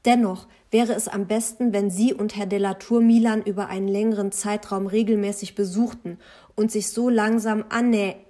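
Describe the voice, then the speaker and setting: A woman voicing a composed female official in an audiobook, formal and calm. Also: mid-range voice, moderate pace, close to an everyday voice.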